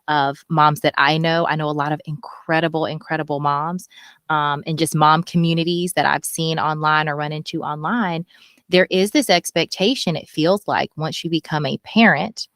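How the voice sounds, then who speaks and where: A woman in her thirties talks candidly as a podcast guest, earnest and lively. Her voice sits a little low, and she acts out the things people said to her. The recording is dry and close. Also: dry recording. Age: 30s. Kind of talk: candid conversational interview.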